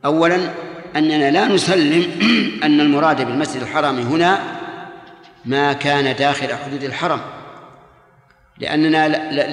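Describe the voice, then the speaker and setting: A man who is an Islamic scholar, giving a measured, didactic Quran commentary lesson. He asks his students questions and answers them himself, and he speaks to them directly. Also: a little high, a bit bright. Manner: addresses and corrects listeners directly. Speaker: Islamic scholar teaching a class. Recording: echoey hall with long reverb, archival lesson tape.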